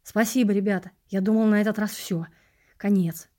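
A woman's voice: medium pitch, fairly even intonation, moderate pace, warm tone, natural voice. A woman voicing a despairing young man. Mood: weary. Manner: pleading, raised anxious voice. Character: despairing young male wanderer, self-doubting. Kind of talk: audiobook reading.

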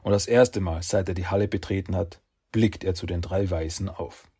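A man narrating a dramatic scripted story with a smooth, measured, read-out delivery. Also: sits low, steady tone, mellow.

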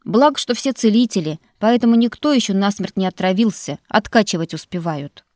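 A woman voicing a cheeky young male student who whines and flatters to get fed. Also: medium pitch, brisk, dry recording, clean studio sound, close to an everyday voice. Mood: wheedling. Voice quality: wheedling, whiny when pleading. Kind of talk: audiobook character voice.

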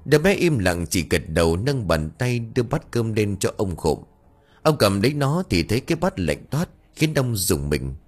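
A man narrating a scripted ghost story with steady storytelling. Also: on the low side, normal speed.

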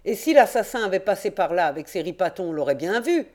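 A woman reading an audiobook, voicing a grumpy rustic old male caretaker in his sixties with gruff, folksy country speech. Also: on the low side, very animated, normal speed, darkish tone. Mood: grumbling.

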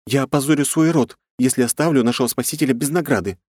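A man's voice: quick pace, dry recording, clean studio sound, close to an everyday voice. A man voicing a proud, impulsive young noblewoman in an audiobook reading. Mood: earnest. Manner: high, excited voice.

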